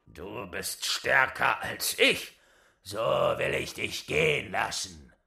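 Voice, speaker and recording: Man doing a huge old bearded brute for a storybook, deep, slow, gruff menace. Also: animated, pushed and bright, exaggerated voice. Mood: grudging.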